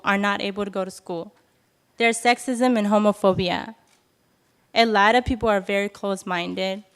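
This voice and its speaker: A woman in her twenties from Ethiopia, nervously giving a prepared speech at a press event, with halting self-corrections. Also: medium pitch, clear, resonant tone. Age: 20s. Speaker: youth speaker at a press event.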